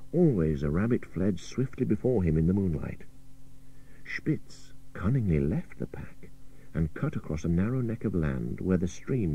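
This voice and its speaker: A man with a low-pitched, dark voice and a breathy edge narrates an adventure story dramatically, building suspense with a theatrical delivery. It sounds like a dull old radio cassette.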